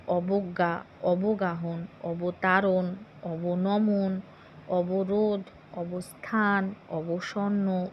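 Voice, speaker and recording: Slow, steady woman reciting word lists. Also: lowish voice, highs cut off, slight background noise. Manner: asks herself a question before each list. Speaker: teacher. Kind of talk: exam-prep grammar lesson.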